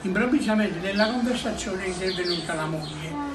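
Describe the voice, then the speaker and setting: A man's voice: sits high, brisk, natural voice. A man playing a flustered husband who stammers through excuses, in an amateur comedy sketch. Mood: making excuses. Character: Fello, a flustered husband hiding a phone affair. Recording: noisy home recording.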